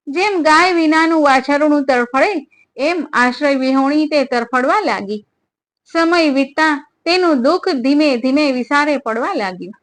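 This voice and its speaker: A woman narrating devotional religious stories in a steady, measured reading style. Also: high-pitched.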